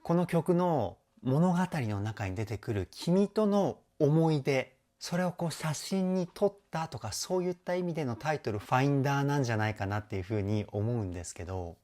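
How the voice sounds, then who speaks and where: A man's voice: mid-range voice, lively intonation, moderate pace, few pauses, mellow. A man who works as a vocal coach hosts a reaction video, explaining singing technique step by step with eager admiration. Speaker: vocal coach and YouTube host. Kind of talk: voice analysis reaction commentary.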